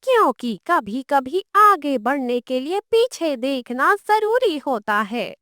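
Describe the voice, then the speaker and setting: A woman voicing a mysterious female witch who sells pizza in a cartoon story, speaking slowly and soothingly. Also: high-pitched, sing-song, bright, forceful tone, dry recording, studio quality, exaggerated voice. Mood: calm, knowing. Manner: slow, soothing, knowing.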